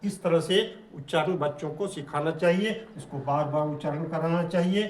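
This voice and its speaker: Man, teacher, measured syllable-by-syllable chant, voice a bit high, roomy and distant sound. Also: a little mellow. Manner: deliberate, chanting syllables one by one. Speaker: Hindi teacher. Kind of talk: slow recited grammar lesson. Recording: echoey room, mic at a distance.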